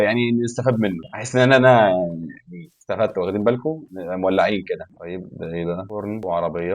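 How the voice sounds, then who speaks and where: Fast-talking Egyptian gamer, exasperated. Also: male voice, on the low side. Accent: Egyptian Arabic. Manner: rapid, exasperated, swearing and pleading at the game. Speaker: gaming YouTuber. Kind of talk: live gameplay commentary.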